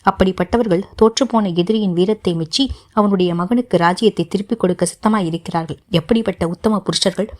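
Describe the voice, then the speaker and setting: A woman's voice: medium pitch, fairly quick, a little mellow, natural voice. A woman reading as an earnest young nobleman. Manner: earnest, pleading, solemn vows. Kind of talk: audiobook narration.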